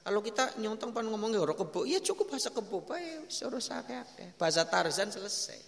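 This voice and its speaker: Middle-aged javanese guy preaching, lively stories, kinda high voice, long hall reverb. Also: fast, vocal fry. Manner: lively storytelling, mixing in Javanese phrases. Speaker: kyai teaching a religious study. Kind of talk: sermon.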